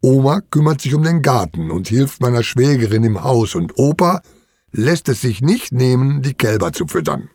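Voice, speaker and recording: A middle-aged man narrating a children's farm story in an expressive storytelling manner. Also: normal speed, breathy edge, no room sound. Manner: expressive, sweeping pitch.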